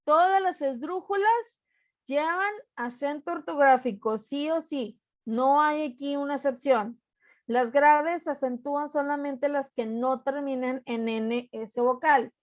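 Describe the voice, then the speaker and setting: A woman's voice: sits high, unhurried, no room sound. A young woman from Mexico teaching an online class, patiently explaining rules step by step and repeating them.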